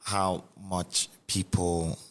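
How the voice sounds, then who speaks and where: A man hosting a podcast interview, asking probing questions in a relaxed, conversational way and often restarting his words. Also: deep voice, extremely slow. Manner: probing, conversational, repeats words when starting. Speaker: podcast host.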